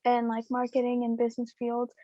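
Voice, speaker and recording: A woman's voice: a little high, completely flat delivery, brisk, warm tone, dry recording, muffled recording. A young woman conducting an informal interview in a hesitant, casual way, with many filler "likes".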